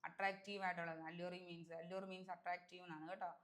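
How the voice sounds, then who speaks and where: Malayali woman teaching grammar, even low voice. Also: low-quality recording. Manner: repeats key words, reads English sentences slowly, explains fast in Malayalam. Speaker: English teacher. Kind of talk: exam-prep grammar lesson.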